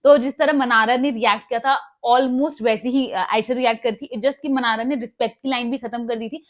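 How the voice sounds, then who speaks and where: A show recap vlogger with a fairly high, steady voice at normal speed casually retells a reality show episode. She mixes in English words, acts out quoted dialogue, and uses many fillers.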